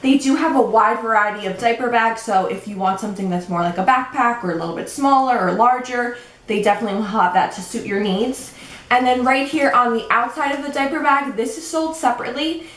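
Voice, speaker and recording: A woman's voice: on the high side, a little fast, a bit bright. A young woman vlogging at home, chatty and a little out of breath as she explains things step by step. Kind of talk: casual show-and-tell vlog. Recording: echoey room with faint background noise.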